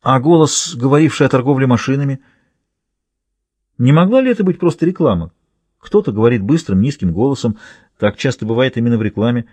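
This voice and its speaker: A man voicing a calm woman police interviewer who asks mild, coaxing questions. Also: mid-range voice, brisk, slightly rough, dry recording. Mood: gentle.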